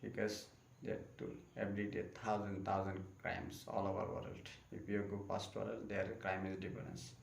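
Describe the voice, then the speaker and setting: A Buddhist monk giving a live-streamed Dharma talk in slow, repetitive. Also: male voice, lowish voice, monotone, vocal fry. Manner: slow, repetitive phrasing in non-native English. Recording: echoey room with faint ambient noise.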